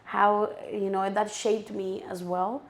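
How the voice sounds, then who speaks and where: A woman's voice: mid-range voice, level tone, measured pace. A young woman from Cyprus, a real estate surveyor, co-hosting a casual podcast, talking in a chatty way and laughing often.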